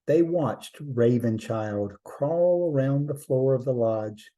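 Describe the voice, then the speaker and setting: A man telling a traditional trickster tale as a storyteller, in measured short phrases with deliberate pauses. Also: mid-range voice, expressive, mellow, rough recording.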